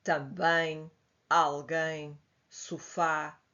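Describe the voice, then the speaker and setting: A woman with a European Portuguese accent, teaching a grammar lesson and patiently explaining, spelling examples out slowly. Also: deep voice, level tone, pushed and bright. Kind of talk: slide-based grammar lesson. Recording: dull lo-fi audio.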